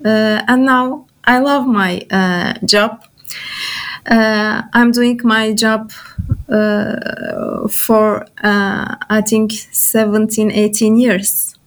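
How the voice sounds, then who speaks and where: A woman, born in Bulgaria and raised in Turkey. She answers interview questions in English, a language, with many pauses and fillers. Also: mid-range voice, fairly even intonation. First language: Turkish. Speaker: guest.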